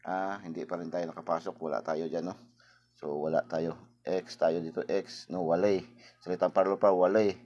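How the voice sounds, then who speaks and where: A hoarse man chatting casually with his viewers as a lottery tip vlogger, rambling and tagging his sentences with a questioning "no?". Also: deep voice, steady tone, normal speed, a little mellow, muffled recording. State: hoarse, clearing his throat.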